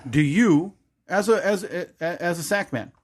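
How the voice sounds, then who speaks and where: A man's voice: high voice, unhurried. A man in his thirties, co-hosting a podcast, telling a story in a rambling, hesitant way with lots of self-corrections. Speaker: podcast co-host. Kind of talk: casual storytelling chat.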